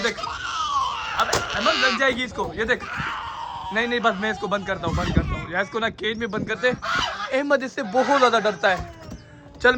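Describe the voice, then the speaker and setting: A man's voice: very high-pitched, noisy background. A young man chatting casually in a pet vlog, coaxing and scolding a child while handling birds by the cages. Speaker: pet vlogger.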